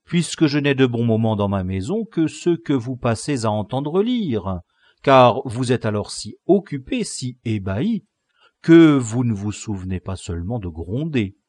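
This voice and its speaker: Brisk scolding innkeeper's wife read by a man, lively rising voice, audiobook, dry close sound. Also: mid-range voice, dry recording, pitched above the performer's own voice. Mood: pleased.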